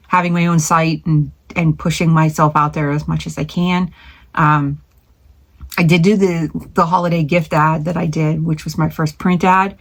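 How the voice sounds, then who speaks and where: A middle-aged woman with a notably low voice talks through her week in a casual vlog. She rambles in a relaxed way, full of "um"s and restarted sentences, while working in her home craft studio. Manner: rambling, many fillers and restarts, chatty. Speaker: small craft business owner.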